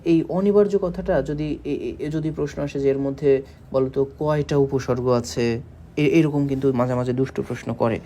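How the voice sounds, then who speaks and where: A man from Bangladesh teaching a literature lesson for exam preparation, explaining step by step and slowly spelling out words. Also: mid-range voice, dark tone, a little hiss or hum. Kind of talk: exam-prep lecture.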